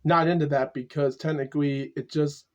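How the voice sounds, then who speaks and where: A man in his twenties talking to the camera in a casual vlog monologue, halting and repetitive, stuttering often. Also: on the high side, fairly even intonation, muffled recording. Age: 20s. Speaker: YouTuber. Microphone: camera mic.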